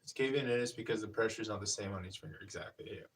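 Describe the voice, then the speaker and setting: A man in his thirties with a fairly low voice rattles along quickly, loosely describing his hands-on steps at a pottery wheel while trailing off and restarting. It's easygoing live-stream chatter, and because he sits back from the mic, he sounds slightly distant, with a little hiss or hum in the recording.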